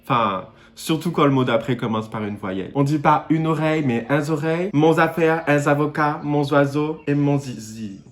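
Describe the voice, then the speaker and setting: A man's voice: a little high, normal speed, few pauses. Playful camp man from Réunion. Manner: playful, camp, theatrical asides. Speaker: YouTuber. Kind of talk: comedic vlog monologue.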